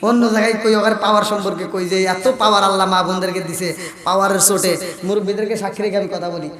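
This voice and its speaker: A man's voice: sits high, fairly even intonation, racing, fairly bright tone. A man preaching a waz sermon at a large gathering, telling stories and calling out to the crowd for replies, sometimes breaking into sung verses. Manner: chatty storytelling, calls out to the crowd for replies. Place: large religious gathering, amplified. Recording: echoey hall, voice from far off.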